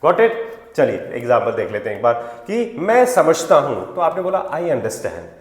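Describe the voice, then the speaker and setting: A man's voice: mid-range voice, huge pitch swings, moderate pace. A man teaching a grammar lesson, who asks rhetorical questions and answers them himself and leans hard on key words. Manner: stresses key words for emphasis. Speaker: spoken English teacher. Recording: echoey room with long reverb.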